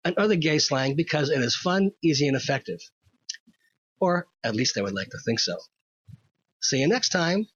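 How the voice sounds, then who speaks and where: A man's voice: on the high side, lively intonation, normal speed, pauses often, a bit bright, husky, no room sound, highs cut off. A man hosting a scripted opinion monologue, wry, wordy and pedantic. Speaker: host.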